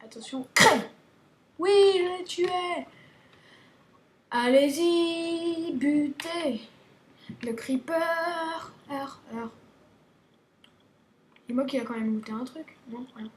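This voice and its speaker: In a casual game tutorial, a gaming video host with a high female voice chats playfully with her viewers, speaking very slowly and pausing often. She restarts many times, and the audio carries a roomy echo with a faint hiss behind it.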